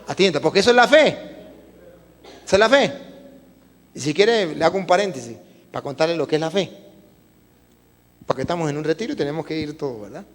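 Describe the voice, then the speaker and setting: A man's voice: a little high, expressive, a little fast, pauses often, big-room sound. A man, a priest preaching at a retreat, telling stories animatedly and asking the audience questions. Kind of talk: sermon at a retreat.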